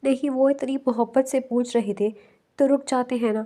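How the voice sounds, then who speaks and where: Quick, playful scheming friend, read by a woman in a romance audiobook. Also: high voice, fairly even intonation, mellow, lightly acted.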